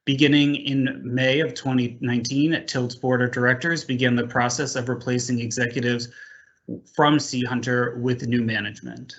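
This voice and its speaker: A man's voice: medium pitch, little pitch movement, moderate pace, a bit bright, lo-fi sound. A man formally reading a report to a commission over a video call, his audio choppy and breaking up. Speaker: staff member presenting a report to a commission.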